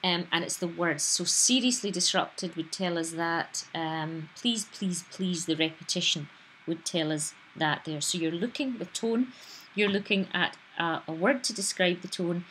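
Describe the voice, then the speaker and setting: A woman's voice: fairly low pitch, unhurried, a bit bright, slight background noise, low-quality recording. A British woman teaching a recorded lesson, explaining patiently and acting out example sentences in different tones.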